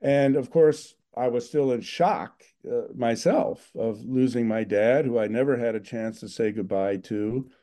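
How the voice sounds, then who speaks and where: An older man talks in an interview with a very dark, mellow voice. He speaks in a thoughtful, earnest way, pausing on fillers as he gathers his words. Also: mid-range voice. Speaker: guest filmmaker. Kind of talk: reflective interview talk.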